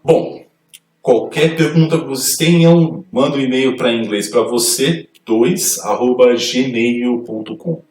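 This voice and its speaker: A man's voice: mid-range voice, slow, darkish tone, far from the mic. A man teaching an English grammar lesson, reading rules aloud and explaining them step by step. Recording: echoey room, voice off-mic, faint music.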